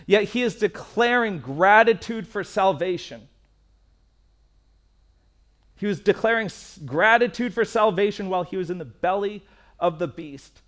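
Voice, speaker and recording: A man's voice: high voice, animated, unhurried, long pauses, fairly bright tone. A man, a pastor, giving a sermon in an earnest, candid way, repeating key phrases for emphasis. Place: church stage.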